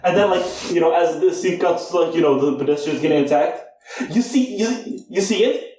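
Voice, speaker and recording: A man's voice: on the high side, normal speed, mellow, a little hiss or hum. Rambling man on a roomy, distant mic. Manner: rambling, with many "like, you know" fillers. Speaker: podcast co-host. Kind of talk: casual podcast chat.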